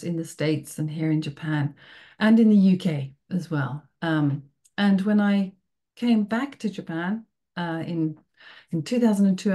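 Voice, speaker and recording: Speaking over a video call, this middle-aged woman from the UK has a British accent and a fairly low, warm voice. She leads an online workshop for teachers in a friendly, encouraging way, frequently asking "okay?" to check in.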